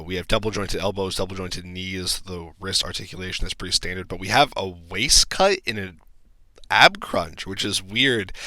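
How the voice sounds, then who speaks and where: A low-voiced man talks through toy news in a casual, filler-heavy way and gives blunt opinions. His tone is bright and forward. The room sounds dry and close. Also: dry recording. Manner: chatty, frequent ums and likes, blunt opinions. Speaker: toy collector channel host.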